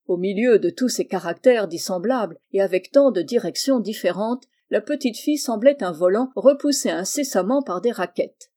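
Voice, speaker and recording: A woman reading a children's novel aloud in a calm, measured storytelling way. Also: medium pitch. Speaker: audiobook reader. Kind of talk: storybook narration.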